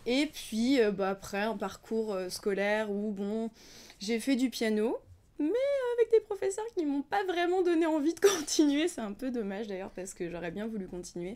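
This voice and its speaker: Young woman singer chatting in an interview, lots of ums, trails off soft sometimes. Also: on the high side, lively intonation, moderate pace. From Ukrainian family background, raised in France. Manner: thoughtful, hesitant with many fillers, drops to near-whisper at times. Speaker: singer and singing teacher being interviewed. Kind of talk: casual interview talk.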